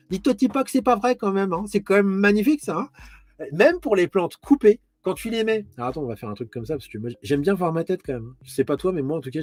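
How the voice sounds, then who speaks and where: A man's voice: high-pitched, no room sound. A man hosting a casual live stream from home, rambling and chatty as he speaks straight to the viewer. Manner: rambling, chatty, addresses viewer as tu, frequent restarts.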